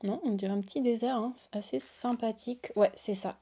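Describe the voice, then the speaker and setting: A woman's voice: fairly high pitch, fairly even intonation, a little fast, warm tone, breathy edge. A woman hosting a casual unboxing chat, gushing and exclamatory as she shows cards to her viewers. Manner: gushing, exclamatory, lots of waouh and oh là là. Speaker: tarot reader and channel host.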